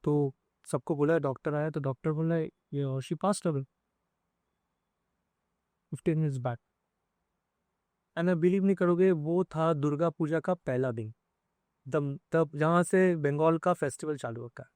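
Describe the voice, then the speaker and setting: Male guest, higher-pitched voice, soft and halting, telling a heartfelt story into a dry, close mic. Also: smooth, no echo. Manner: soft, emotional, halting recollection. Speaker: music composer interviewed as guest. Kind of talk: personal storytelling in an interview.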